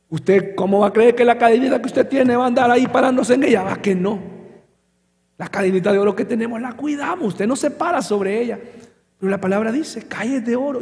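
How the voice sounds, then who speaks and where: A man's voice: high-pitched, a little mellow, long reverb tail. A male pastor, preaching and telling a story animatedly, calling listeners brother. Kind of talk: sermon with storytelling. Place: church.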